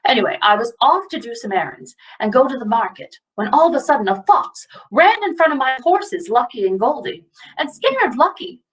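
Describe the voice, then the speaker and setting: A woman's voice: on the high side, sing-song, moderate pace, fairly bright tone. Actress as a scatterbrained 19th-century mother's ghost, rambling, mic a bit far off. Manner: rambling, scatterbrained, loses her train of thought. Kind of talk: first-person historical monologue.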